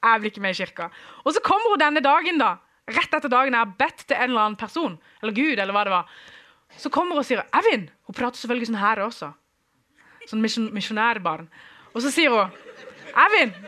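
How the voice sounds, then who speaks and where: A young man giving a humorous personal testimony to an audience, acting out dialogue and chuckling often. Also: very high voice. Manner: animated, acts out quoted dialogue, chuckles often.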